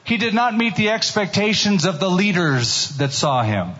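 A pastor preaching a sermon at a pulpit microphone to a church congregation, slowing down sharply on key phrases for emphasis. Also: male voice, high voice, very animated, a bit bright. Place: church sanctuary with seated congregation. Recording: dull, lo-fi sermon recording.

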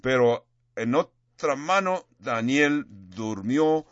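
A man preaching a sermon, reading scripture dramatically and stretching key words slowly for emphasis. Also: medium pitch, expressive, no room sound. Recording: dull lo-fi sound.

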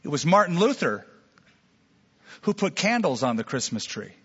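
A man's voice: on the high side, very animated, normal speed, a bit bright, breathy edge, in a large hall, lo-fi sound. A man preaching a sermon as pastor, telling stories and acting out imagined voices to make his point.

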